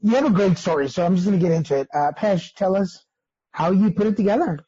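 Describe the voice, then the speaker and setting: A man's voice: high voice, fast, warm tone, husky, no echo, muffled recording. A man hosting a casual interview podcast, hesitant and full of fillers. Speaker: podcast host.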